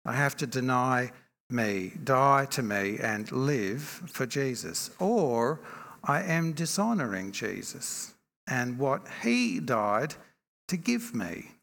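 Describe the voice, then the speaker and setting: A male preacher with a gravelly, creaky edge to his voice delivers a measured, reflective sermon. He keeps circling back with rhetorical questions. His words ring out with a long reverb, as if spoken in a big church hall. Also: mid-range voice, sing-song, fairly bright tone.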